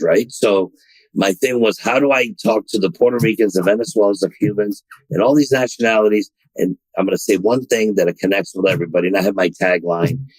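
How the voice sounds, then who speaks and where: A man with a lowish voice is interviewed as a guest on a podcast about running a car dealership, where he is general manager. He talks in bursts, restarting often and repeating words. The recording is rough but has no echo.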